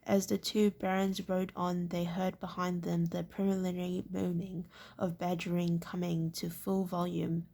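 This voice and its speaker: Woman reading a novel aloud, halting, self-correcting, low flat voice, husky. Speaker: reader.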